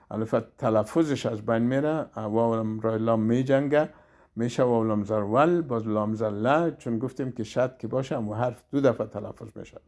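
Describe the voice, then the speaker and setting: A man teaching Quran reading, spelling each letter and vowel aloud, then slowly blending the word together. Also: mid-range voice, a little mellow. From Afghanistan. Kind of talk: spelled-out recitation lesson.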